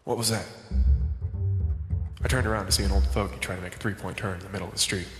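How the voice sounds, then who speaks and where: A man playing a jaded, observant private detective in a noir audio drama, clipped and deadpan. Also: low voice, fast talker, reverberant, in a large hall, natural voice. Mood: wry. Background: brassy music.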